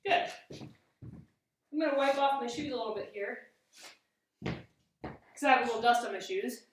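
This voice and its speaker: A woman's voice: on the high side, normal speed, a little hiss or hum. A woman working as a fencing coach, giving step-by-step exercise instructions and often checking in as she demonstrates. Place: echoey indoor room. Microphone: camera at a distance. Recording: very echoey room, distant microphone.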